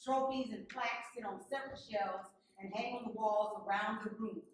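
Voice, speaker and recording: A woman's voice: a little high, normal speed. Woman narrator in a very echoey room. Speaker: narrator reading stage directions. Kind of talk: scripted narration. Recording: very echoey room, distant mic, faint noise.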